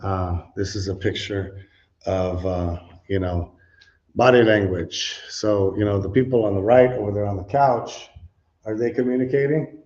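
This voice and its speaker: Speaking at a moderate pace in a fairly low, steady and slightly mellow voice, a middle-aged man preaches in a loose, chatty style, peppering his slide-based teaching sermon with "you know" and questions to the audience. The responding crowd fills a church meeting room, and the lo-fi recording is dull.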